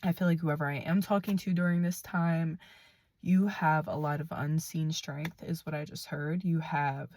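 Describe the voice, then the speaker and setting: A woman giving a gentle, affirming spiritual reading to camera, her voice a little rough from being sick, with frequent fillers and soft laughs. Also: sits low, fairly even intonation, moderate pace, dry recording. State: voice a bit rough from illness. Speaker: spiritual card reader. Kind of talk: channeled collective reading to camera.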